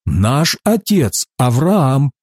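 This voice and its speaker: A man's voice: medium pitch, big pitch swings, extremely slow, darkish tone, slightly rough, dry recording, clean studio sound, full character voice. A man reading indignant male challengers.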